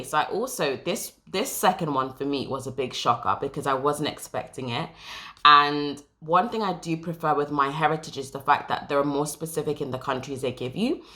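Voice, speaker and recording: A woman's voice: low-pitched, sharp tone. A young woman from Jamaica talking casually to camera as a vlogger, explaining step by step and reading from notes.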